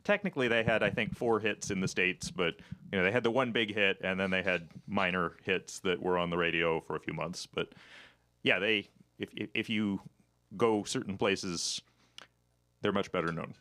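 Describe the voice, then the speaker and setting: A man's voice: low voice, steady tone, moderate pace, pushed and bright. A middle-aged man hosting a radio session, chatting casually with a band in a rambling, wry, joking way. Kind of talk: casual interview chat.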